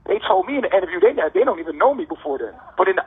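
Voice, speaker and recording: A man's voice: high voice, sing-song, rapid-fire, breathy edge. Man ranting over a tinny prison phone. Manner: insistent, preachy, repeats himself. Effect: prison phone call. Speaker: inmate calling from jail. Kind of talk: heated ranting monologue.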